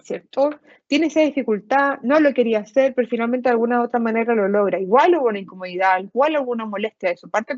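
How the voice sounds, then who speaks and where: A woman's voice: fairly high pitch, a little mellow, dry recording, lo-fi sound. Dry-voiced woman explaining child development. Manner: explains with examples and acted-out quotes. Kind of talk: explanatory seminar talk.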